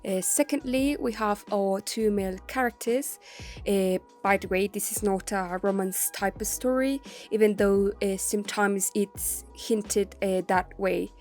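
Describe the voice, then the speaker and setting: Husky-voiced woman, a bit sick. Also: medium pitch, steady tone, darkish tone, soft background music. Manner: rambling, with many "uh" pauses. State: sick with a cold. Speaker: webcomic reviewer. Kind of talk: casual chat.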